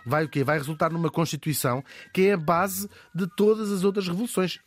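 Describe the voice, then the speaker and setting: Fast-talking Portuguese man telling history. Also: sits high, faint music behind. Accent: European Portuguese. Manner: animated, colloquial, repeats words for emphasis. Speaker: storytelling host. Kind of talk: casual historical storytelling in conversation.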